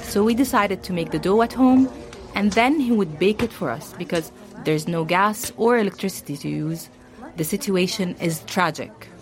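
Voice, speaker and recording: A woman reading a translated first-person account as a voice-over, calmly and plainly. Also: on the low side, moderate pace.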